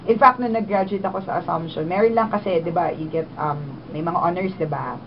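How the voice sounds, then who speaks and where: A woman's voice: on the low side, brisk. A woman in her twenties with a Filipino accent, a radio DJ telling her story in an interview, mixing Tagalog and English. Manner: animated, switches between Tagalog and English. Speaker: radio DJ guest. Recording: dull lo-fi sound with clear noise.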